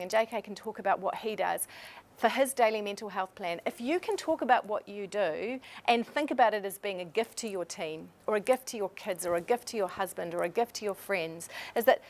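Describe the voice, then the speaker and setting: A woman's voice: medium pitch, a little fast. Earnest woman urging leaders on. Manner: earnest, persuasive, emotional at times. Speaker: webinar co-host on leadership. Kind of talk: motivational webinar talk.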